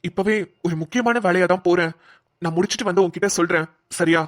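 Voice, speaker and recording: A woman's voice: lowish voice, fast, close to an everyday voice. A woman voicing a young male police officer who reassures and protects his partner in a cartoon. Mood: caring. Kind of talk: cartoon voice acting.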